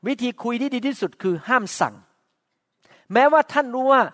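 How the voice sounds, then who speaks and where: A man's voice: extremely high pitch, brisk, fairly bright tone, no room sound, studio quality, long reverb tail. A middle-aged man preaching a sermon, earnest, acting out short quoted exchanges. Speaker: pastor.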